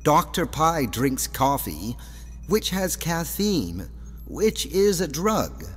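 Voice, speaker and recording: Playing a sly, sinister elderly mad professor in an audio drama, a man coaxes his target with theatrical insinuation, a manipulator through and through. His exaggerated voice sits a little high, fairly bright and very animated, delivered slowly. The sound carries long reverb with music underneath.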